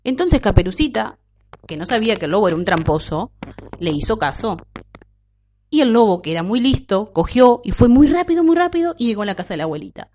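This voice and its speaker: A woman telling a children's story in an expressive, playful way. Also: medium pitch, brisk, slight background noise. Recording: dull lo-fi recording.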